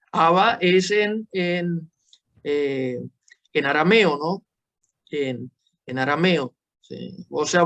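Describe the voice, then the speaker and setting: A man teaching a class in a slow, explanatory way, often checking that students follow. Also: high-pitched, fairly bright tone. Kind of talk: classroom lesson.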